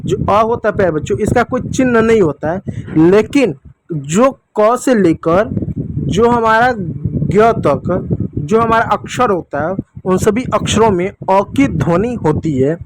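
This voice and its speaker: A man teaching a Hindi alphabet lesson to children, patiently repeating each sound slowly for them to copy. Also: sits high, expressive, noisy background.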